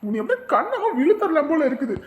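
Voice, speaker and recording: A fretful young village husband in a cartoon, voiced by a woman, exasperated and pleading by turns. The voice is fairly high for a man. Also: big pitch swings, fast, dull audio, slight background noise. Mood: worried. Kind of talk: cartoon voice acting.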